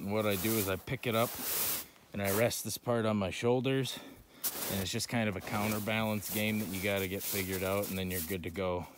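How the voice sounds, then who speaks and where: A man's voice: fairly low pitch, smooth. A man vlogging casually outdoors in snowy woods, rambling in an easygoing way while hauling hunting gear and cooking on an action camera. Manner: easygoing, rambling, talks to his dog. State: out of breath.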